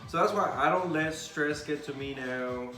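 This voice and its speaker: A man's voice: fairly high pitch, normal speed. A forty-year-old man chatting casually at a home table, teasing and reflective. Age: 40s. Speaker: co-host, partner. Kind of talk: casual chat. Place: home dining room. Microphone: far camera. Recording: echoey room with music behind.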